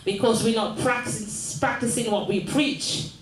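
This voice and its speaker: Speaking at a measured pace in a voice on the high side, this older woman from Jamaica addresses her community as mayor with earnest repetition and frequent "yes?" checks to the audience. The setting is a large, echoey room at the mayor's office, with faint ambience and slight background noise.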